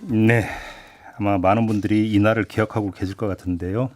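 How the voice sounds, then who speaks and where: A man's voice: on the low side, steady tone, brisk, over loud music. A man hosting a radio interview at a studio microphone, playful and teasing with his guest in a radio studio. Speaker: radio host.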